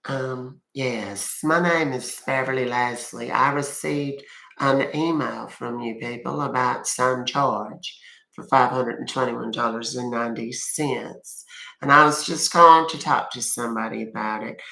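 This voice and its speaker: A man's voice: mid-range voice, steady tone, measured pace, creaky, bright, forceful tone. A man putting on a woman caller who leaves a hesitant, polite voicemail. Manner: hesitant, polite, plain-spoken. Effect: leaving a voicemail. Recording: roomy echoing room.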